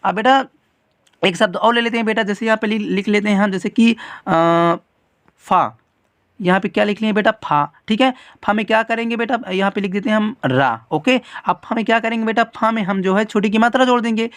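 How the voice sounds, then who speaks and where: A teacher hosting a children's writing lesson, patient and repetitive, calling the viewer "beta" and dragging out letter sounds slowly. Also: medium pitch, a bit bright, no room sound, studio quality. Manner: drags out letter sounds slowly when demonstrating. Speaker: teacher and channel host.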